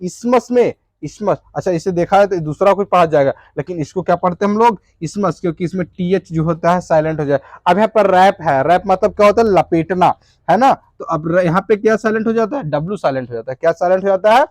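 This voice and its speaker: A man's voice: high voice, fast, a little mellow, no echo. A male English teacher in a classroom lesson, asking the class questions and answering them himself, repeating each answer and checking in after every point.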